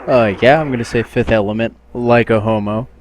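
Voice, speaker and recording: A man co-commentating a let's play as a guest, giving dry, deadpan replies. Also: medium pitch, brisk, noisy background. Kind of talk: casual commentary over gameplay.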